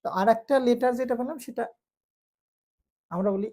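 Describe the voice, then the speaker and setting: A woman teaching English pronunciation in a casual lesson, repeating letter sounds slowly to demonstrate. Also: on the high side, warm tone. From Bangladesh.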